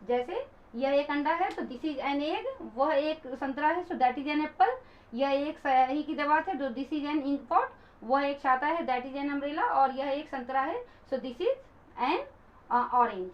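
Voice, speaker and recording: A woman's voice: high-pitched, lively intonation, takes it slowly. A woman teacher patiently explaining grammar to viewers, calling them friends and switching into English example sentences. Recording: dull lo-fi recording.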